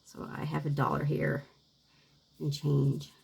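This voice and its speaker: A worn-out woman with little energy, talking quietly and unhurriedly as she vlogs a savings game, coughing at times. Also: low voice, little pitch movement, creaky, breathy edge, low-quality recording. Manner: quiet, subdued, unhurried talk. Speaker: budgeting game creator. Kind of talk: casual savings-game vlog.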